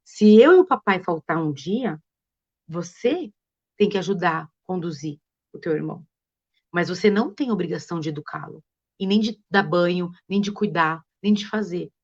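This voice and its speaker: A woman appears as a guest on a casual live stream, earnestly telling stories and acting out what she says to her children. Her voice is on the low side, animated and a little mellow, at a moderate pace, and the live-stream audio is dull and lo-fi.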